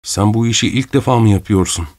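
A man's voice: lowish voice, fairly quick, darkish tone, dry recording, natural voice. A man voicing a timid, frightened young male peasant in a storybook reading, with a pleading, trembling delivery.

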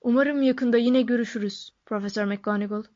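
A calm, wise old wizard , as a woman reading puts him on, speaking low, soft and measured in a storybook. Her voice sits fairly high, and the recording is dull and lo-fi. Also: close to an everyday voice. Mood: quiet. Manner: quiet, measured, gentle.

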